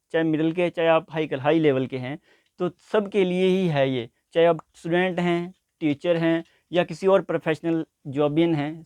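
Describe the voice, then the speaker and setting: A man teaching a basic English lesson, speaking slowly and repeating example words. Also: fairly high pitch, darkish tone, smooth, no room sound. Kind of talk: spoken language lesson.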